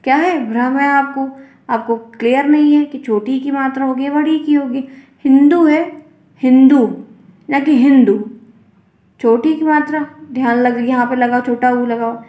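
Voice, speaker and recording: Woman, teacher, exam-prep lesson, high voice, repeats example words, roomy echo. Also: steady tone, normal speed, a little mellow. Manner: explains by repeating example words and quizzing the class.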